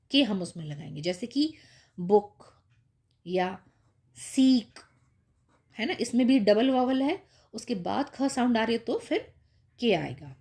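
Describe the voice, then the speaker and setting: A woman's voice: a little high, dark tone. A woman teaching young children spelling rules, patient and repetitive, checking in often as she explains each word. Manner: patient, repeats with "ठीक है" and "है ना" checks.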